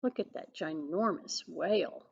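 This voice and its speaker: A children's librarian, a woman, reading a picture book aloud with expressive storytelling and questions for young listeners. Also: lowish voice, a little slow, gravelly, slightly rough, highs cut off. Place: public library.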